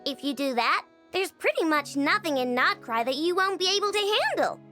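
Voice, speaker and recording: A woman's voice: very high-pitched, expressive, normal speed, sharp tone, full character voice. A woman voicing a young girl who builds gadgets, confident and a little secretive, in game dialogue. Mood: proud. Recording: game music underneath.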